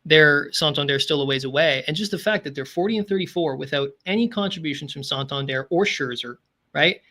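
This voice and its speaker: A man's voice: a little high, brisk, pushed and bright. A man with a Canadian accent co-hosting a podcast, chatting casually about baseball with lots of filler words. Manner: chatty, full of "like" and "right?" fillers. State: throat-clearing, losing his voice. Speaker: podcast co-host. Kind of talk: casual sports chat.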